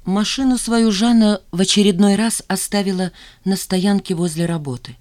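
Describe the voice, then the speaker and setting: An audiobook narrator reading a novel in an even, measured way. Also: medium pitch, dry recording, clean studio sound. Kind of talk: scripted narration.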